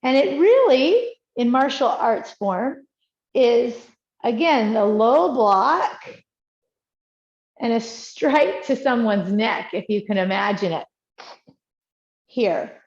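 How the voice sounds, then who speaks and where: A woman teaching tai chi, giving calm, encouraging movement cues in short, unhurried phrases. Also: fairly high pitch. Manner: encouraging, praising as she guides. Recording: dull, echoey room sound.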